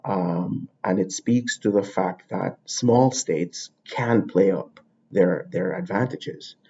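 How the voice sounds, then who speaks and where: Talking slowly in a deep, mellow voice, a podcast host from Jamaica works through ideas off the cuff, thinking aloud and returning to what he's already said. The audio is dull and lo-fi, carrying a little hiss or hum.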